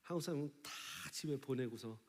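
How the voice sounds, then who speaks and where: A man preaching a live Sunday sermon as pastor, animated and acting out quoted voices. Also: mid-range voice, quick pace. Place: church sanctuary. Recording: live sermon in a large reverberant sanctuary.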